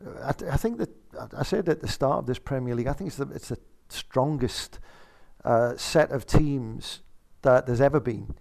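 A man's voice: medium pitch, moderate pace, gravelly, darkish tone. A man giving conversational football analysis as a pundit, hesitating and repeating words as he thinks.

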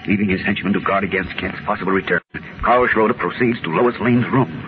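A man's voice: low voice, fairly quick. A man narrating a suspenseful serial as a dramatic 1940s radio announcer. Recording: dull, noisy vintage radio recording.

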